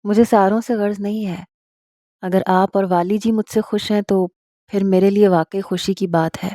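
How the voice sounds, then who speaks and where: Playful young guy, read by a woman, mellow voice, dry close recording. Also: mid-range voice, steady tone, no room sound, close to an everyday voice. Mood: earnest. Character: bold young male lover, playful. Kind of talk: dramatic audiobook reading.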